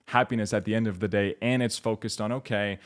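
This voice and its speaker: A man's voice: on the low side, fairly even intonation, quick pace. An American man speaking as a coach and podcast guest, giving earnest, conversational motivational talk and acting out little quotes. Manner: earnest, illustrates points with imagined quotes.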